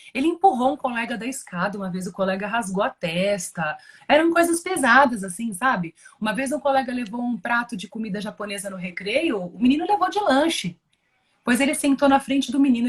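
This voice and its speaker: A Brazilian woman giving an earnest, emotional personal testimony in conversation, often restarting and repeating words as she talks. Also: a little high. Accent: Brazilian Portuguese. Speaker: guest giving a religious testimony.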